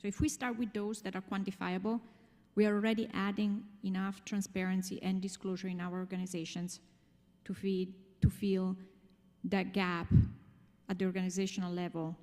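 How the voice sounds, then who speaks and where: An Italian woman with an Italian accent gives an emphatic, explanatory presentation to an audience in a large conference room, frequently checking in with rhetorical questions. Her voice is lowish and darkish, and the recording carries long hall reverb.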